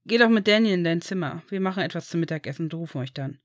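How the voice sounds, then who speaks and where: A woman voicing a gentle, soft-spoken grown man in a storybook reading. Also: on the low side, lively intonation, rapid-fire, dry recording, clean studio sound, lightly acted.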